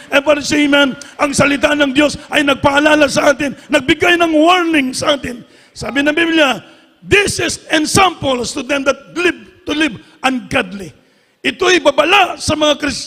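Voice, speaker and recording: A man's voice: very high-pitched, a bit bright. A man preaching a fervent sermon, calling for amens and repeatedly addressing the congregation as beloved. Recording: reverberant hall, faint music behind.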